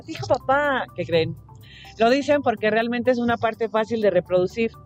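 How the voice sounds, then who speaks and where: A Mexican woman talks to parents on a radio segment in a medium-pitched, chatty voice. She laughs often and speaks straight to her listeners. The sound is dull and lo-fi, with faint music underneath. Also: a little mellow. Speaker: early education expert guest.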